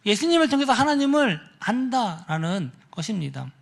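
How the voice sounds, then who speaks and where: A male pastor preaching a sermon, telling a story with lively acted-out quotes. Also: high-pitched, normal speed, vocal fry. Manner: animated storytelling, acting out voices in quotes. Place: church sanctuary.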